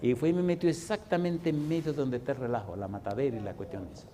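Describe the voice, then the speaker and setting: A Dominican man in his sixties preaching a sermon, swinging from loud exhortation to hushed, folksy storytelling. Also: medium pitch, fairly even intonation, fast talker, slight background noise. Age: 60s. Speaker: pastor.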